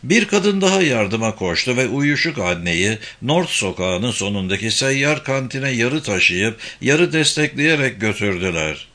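Man reading an audiobook, bright clear voice, steady measured delivery. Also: medium pitch. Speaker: audiobook narrator. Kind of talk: scripted narration.

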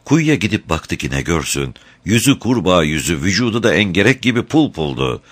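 A man narrating a fairy tale in an expressive, scripted storytelling style. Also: sits low, a little fast.

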